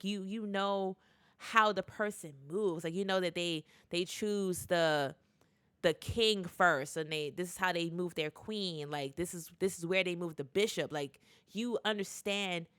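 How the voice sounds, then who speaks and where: Slow, chatty woman recapping a show. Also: medium pitch, clean tone, no echo, clean studio sound. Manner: animated retelling with acted quotes, many fillers and restarts. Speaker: TV recap YouTuber. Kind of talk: casual TV recap vlog.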